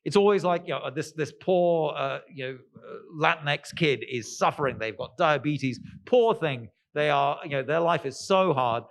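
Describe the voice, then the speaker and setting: Wry, halting man with a posh voice. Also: fairly high pitch. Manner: self-described posh-sounding voice; halting, many fillers and restarts. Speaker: author. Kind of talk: conversational interview answer.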